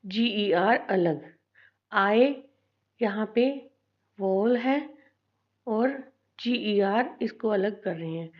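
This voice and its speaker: Slow, deliberate Indian woman teacher. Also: mid-range voice, dull audio. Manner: slow and deliberate, spelling out letters and repeating for students. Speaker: English teacher. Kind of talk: classroom lesson mixing Hindi and English.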